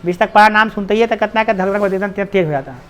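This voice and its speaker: A man's voice: sits high, fast talker, noisy background. A man teaching a maths class with a Bihari Hindi accent, talking with his students in a chatty, teasing way and cracking jokes between steps. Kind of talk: classroom lesson.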